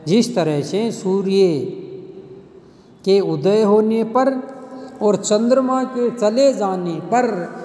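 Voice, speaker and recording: A man teaching a classical play, reading each line and then explaining it plainly, sometimes chanting verse in a slow sing-song. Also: high voice, dark tone. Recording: echoey room with long reverb.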